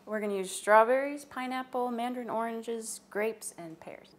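A woman's voice: a little high, moderate pace, slight background noise. A young woman guest cook in a home kitchen, walking through a recipe step by step, plain and matter-of-fact with small laughs. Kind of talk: casual cooking demonstration.

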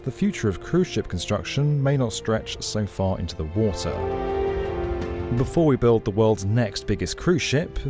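A man giving scripted documentary narration in a clear, explanatory, lightly conversational way, recorded as a studio voice-over. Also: fairly low pitch.

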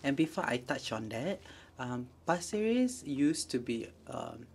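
A Singaporean woman with a strikingly deep voice for a woman, telling a story in a loose, casual chat. She wanders through her sentences, leaning on "um" and "like" as she searches for words. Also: very animated, measured pace, darkish tone, slight background noise. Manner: rambling, full of "um" and "like" fillers. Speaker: co-host and storyteller.

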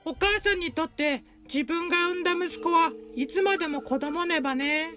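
A woman's voice: very high-pitched, moderate pace, sharp tone. A woman voicing a cheerful cutesy mascot who narrates short stories and tacks a cute verbal tic onto every sentence. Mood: upbeat. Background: light background music.

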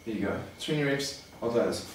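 With an animated delivery at medium pitch and normal speed, a young man coaches a workout demonstration, casual and instructional, calling his audience "guys." The setting is a garage home gym where he works as a fitness coach. Sound reaches a camera a few metres away, giving a distant, echoey quality with faint noise.

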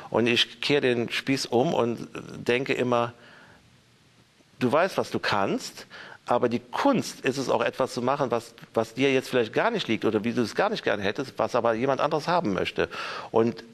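A man's voice: mid-range voice, expressive, moderate pace, a bit bright. A man in his fifties talking reflectively about his work as a musician in an interview. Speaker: orchestral musician, clarinet and saxophone player. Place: indoor theater costume room.

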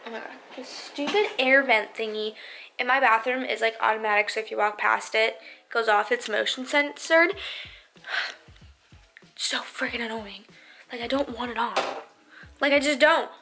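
Her voice is high-leaning, bright and forceful yet steady, at a moderate pace, with slight background noise. She's a beauty and lifestyle vlogger in her twenties, casually and bubbly chatting to camera, packing her speech with "like."

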